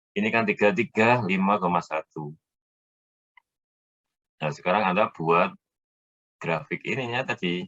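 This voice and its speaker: A man lecturing on a technical subject, explaining step by step, often checking that students follow and pausing on filler sounds as he thinks. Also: sits low, pushed and bright, dull audio. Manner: hesitant fillers while thinking aloud. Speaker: university lecturer.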